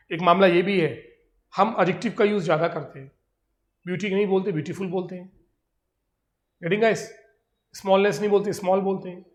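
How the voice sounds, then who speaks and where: High-voiced Indian man teaching grammar. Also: echoey room. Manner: explains in Hindi, reads English examples slowly. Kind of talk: classroom grammar lecture.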